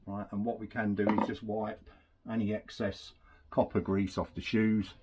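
In an indoor workshop, a man with a fairly low voice talks at a moderate pace as he demonstrates a scooter rebuild at his bench. A faint hiss or hum is present; he's casual and talkative while working with his hands, positioned off to the side of the bench-mounted camera.

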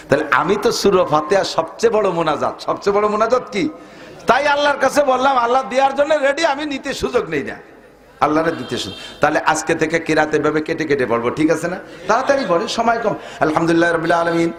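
Animated preacher with echoing sound. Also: male voice. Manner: animated and humorous, with pitch leaps and rhetorical questions. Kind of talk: sermon.

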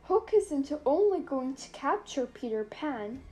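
A woman's voice: high-pitched, sing-song, measured pace, mellow, soft background music. A woman doing Smee, earnest pirate helper. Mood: urgent. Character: kindly male pirate sidekick, loyal and urgent.

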